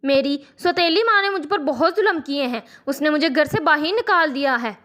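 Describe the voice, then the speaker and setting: A woman's voice: high-pitched, a bit bright. A woman reading a storybook as a mistreated young boy who pleads tearfully with his mother. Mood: defiant.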